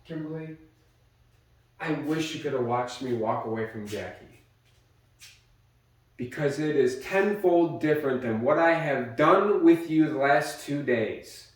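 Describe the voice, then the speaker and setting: A man's voice: unhurried, pauses often, recorded from a distance. Pissed-off guy cussing in a heated fight, echoey room, mic way off. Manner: angry, swearing, shifts between yelling and low muttering. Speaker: partner in a domestic argument. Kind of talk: heated argument. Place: house, indoors.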